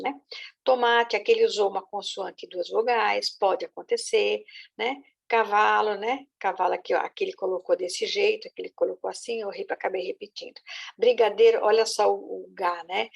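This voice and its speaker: A woman's voice: mid-range voice, creaky, slightly rough. A woman teacher patiently explaining how children learn to write, often checking in with her listeners. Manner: patient, with many "né?" and "tá?" check-ins. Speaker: literacy teacher.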